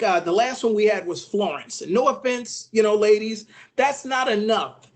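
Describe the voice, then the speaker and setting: A man from Savannah, Georgia, doing a stand-up comedy set for an online webinar, animated and acting out voices with sudden loud bursts. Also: high voice.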